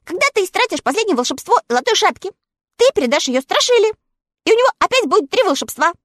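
A woman voicing a small, clever, boastful male dog who chatters quickly and eagerly. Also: very high voice, very animated, fairly bright tone, no room sound, clean studio sound, voice pushed up, exaggerated voice.

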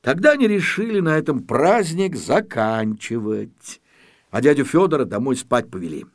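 A man narrating a children's storybook in an unhurried, expressive reading. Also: mid-range voice. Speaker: audiobook narrator. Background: faint guitar music.

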